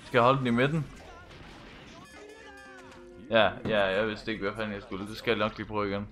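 A man's voice: on the low side, fairly bright tone, soft background music. Danish-speaking man streaming a game. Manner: reads game dialogue aloud, swears and laughs. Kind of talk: casual live game commentary.

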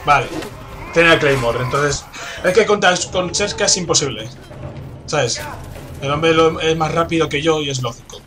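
A man with a Spanish accent from Spain, commentating a game he is playing, excitable and swearing, with sudden loud outbursts. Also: a little high, moderate pace. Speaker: gameplay commentator. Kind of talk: let's play commentary. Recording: game music in background.

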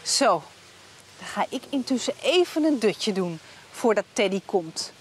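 A woman in her thirties telling a simple story to young children outdoors, with expressive, exaggerated and repetitive delivery. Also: mid-range voice, a little slow, a little hiss or hum. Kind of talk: improvised storytelling for young children with sing-song chanting. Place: outdoor garden set.

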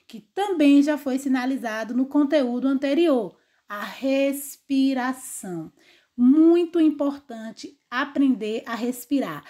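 A woman's voice: high voice, dark tone. A woman teacher with a Brazilian accent giving an online class, explaining step by step and often checking in with tag questions. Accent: Brazilian Portuguese. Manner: didactic, frequent tag questions.

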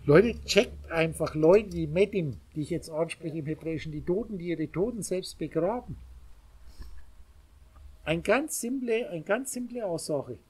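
Husky, mellow man. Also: a little high, a little slow. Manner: emphatic, repetitive, addresses listeners directly. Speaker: spiritual teacher. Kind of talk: spiritual lecture to a small group.

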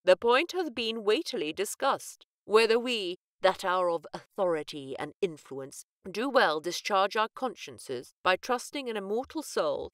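A woman's voice: mid-range voice, fairly bright tone, dry recording, studio quality. Stern, commanding male magistrate, played by a woman narrator. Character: stern male colonial governor, authoritative.

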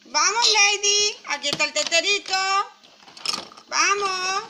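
A woman's voice: very high voice, slow, heavy background noise. A woman with a Latin American Spanish accent, hosting a toy channel and playing mother to a crying baby doll in a sweet, coaxing voice.

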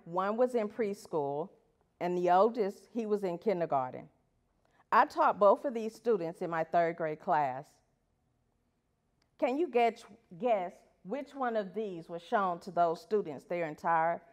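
A woman's voice: fairly low pitch, a little mellow. A woman teacher giving a prepared talk at an education event, earnest and putting rhetorical questions to the audience. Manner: reads from prepared pages. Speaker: elementary school teacher.

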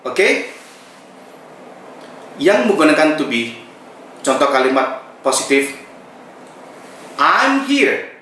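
A man teaching English grammar, reading example sentences slowly and with care. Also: mid-range voice, very animated, fairly bright tone, a little hiss or hum. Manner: slow, deliberate example sentences. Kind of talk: grammar lesson. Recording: echoey room, mic set far off.

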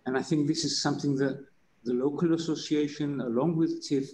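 A man's voice: fairly high pitch, steady tone, brisk, a little mellow. An older man, a panelist on a webinar video call from his office, speaking earnestly and stumbling over his first words. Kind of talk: webinar discussion. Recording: roomy video call audio with faint noise.

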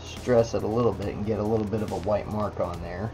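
This man talks fast in a voice on the low side, captured in a low-quality recording with background music underneath. Relaxed at his indoor workbench, he narrates a model kit build and chats to the parts as he goes.

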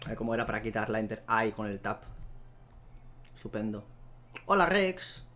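A young man from giving casual gameplay commentary, chatting to the animals on screen and to his viewers and getting excited easily. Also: fairly low pitch, quick pace. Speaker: gameplay video host.

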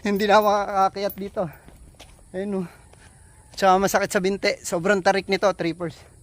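Male travel vlogger, outdoors on a steep slope, winded, excitable, high voice, speaks into a phone. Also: fairly quick. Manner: excited, exclaims often, addresses viewers as trippers. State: out of breath. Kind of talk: casual walking travel vlog. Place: steep mountain trail outdoors. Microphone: handheld phone.

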